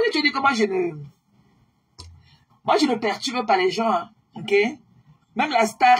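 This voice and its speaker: A woman's voice: mid-range voice, husky. A tired woman chatting casually to her viewers on a live stream, repeating herself and slipping English phrases into her talk.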